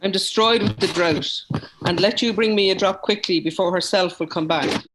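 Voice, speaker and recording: A man voicing a hoarse old husband who is pretending to be dead, in a play reading. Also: high-pitched, normal speed, fairly bright tone, a little hiss or hum, voice pushed up, low-quality recording. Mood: thirsty, cajoling. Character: old man faking his own death, dry and hoarse.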